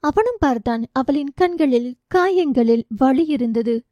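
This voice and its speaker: A woman narrating a romance audiobook with steady, emotive storytelling. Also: high voice, normal speed, no echo, dull audio. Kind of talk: scripted narration of a romance novel.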